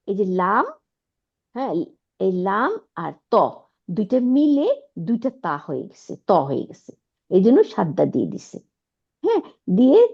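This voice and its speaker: A woman teaching Arabic grammar, explaining step by step and often asking her students whether they follow. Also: a little high. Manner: checks understanding with frequent rhetorical questions. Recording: dull lo-fi audio.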